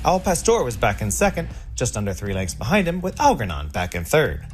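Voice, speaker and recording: A man's voice: mid-range voice, wildly swooping pitch, brisk. A man presenting a scripted recap of horse racing results as a show narrator. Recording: music bed behind the voice. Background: music.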